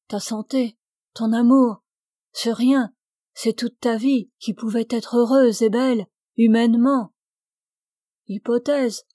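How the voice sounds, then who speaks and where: A woman's voice: a little high, mellow, dry recording, studio quality. A woman reading an audiobook, voicing a mocking inner voice of doubt that speaks with irony. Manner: ironic, insinuating.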